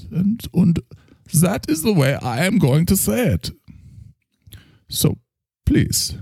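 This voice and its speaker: A man voicing a gentle, solemn psychoanalyst with a slow, soothing, grandiose way of speaking. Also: a little high, gravelly, breathy edge, no echo, clean studio sound, voice pushed up, exaggerated voice. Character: gentle, solemn male German psychoanalyst, middle-aged.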